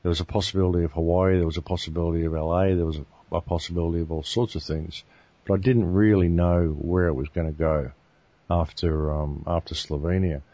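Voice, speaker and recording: Deep-voiced Australian man, dry lo-fi sound. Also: fairly quick, no echo. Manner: relaxed storytelling with restarts. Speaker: guest. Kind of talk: casual interview talk.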